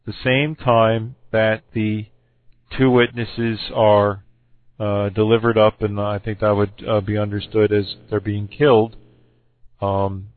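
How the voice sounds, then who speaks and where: A man arguing over scripture with a halting, self-correcting delivery full of fillers. His voice is going hoarse. The sound is dry and tinny, like a phone line. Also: lowish voice, little pitch movement, dry recording. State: losing his voice. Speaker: Bible debater. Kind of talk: recorded argument addressed to another person.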